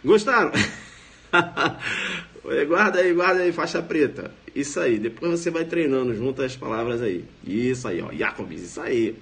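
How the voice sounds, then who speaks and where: A man with a Brazilian accent, a law professor giving a casual live online lecture in a slangy, playful way, often tagging his sentences with quick questions. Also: medium pitch, very animated, a bit bright.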